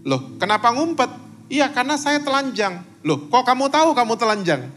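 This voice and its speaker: A man voicing God as He calmly questions Adam and Eve in a retold story. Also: very high-pitched, moderate pace, soft background music, pitched above the performer's own voice. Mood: questioning.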